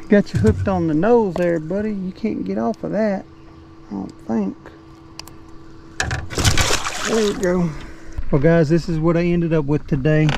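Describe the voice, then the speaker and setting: This fishing vlogger, a middle-aged man, has a high, gravelly voice and chats in an easygoing, folksy manner while fishing. He's out in a small boat on a shaded swamp, and his head-mounted action camera picks up his casual narration along with faint outdoor sounds.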